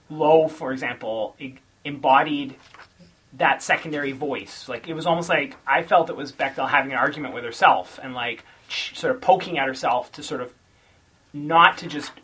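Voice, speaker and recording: Bright husky voice, hedging thoughtfully. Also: mid-range voice. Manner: thoughtful, hedging, restarts sentences. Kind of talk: casual book discussion.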